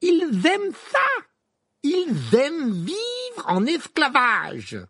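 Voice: medium pitch, fast, gravelly, a little mellow, breathy edge, no room sound, clean studio sound, pitched above the performer's own voice. An audiobook reader voicing Ron, a sceptical teenage boy who drawls dismissive remarks. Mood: mocking. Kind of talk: audiobook character voice.

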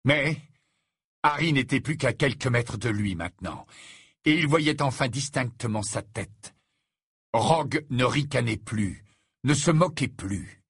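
A man reading a fantasy novel aloud in measured, dramatic scripted narration. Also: medium pitch, expressive, fairly bright tone, slightly rough, dry recording, clean studio sound. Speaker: audiobook narrator.

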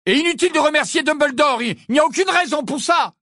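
A man voicing an impatient, angry teenage boy in an audiobook, with sharp outbursts. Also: a little high, lively intonation, normal speed, breathy edge, no echo, studio quality, voice pushed up. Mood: shouting. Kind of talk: audiobook character voice.

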